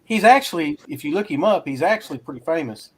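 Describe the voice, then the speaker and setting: A man's voice: on the high side, expressive, fast talker, a crowd in the background. A man from Arkansas, a racing school instructor, talking casually as a guest and rambling with restarts. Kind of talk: casual interview talk.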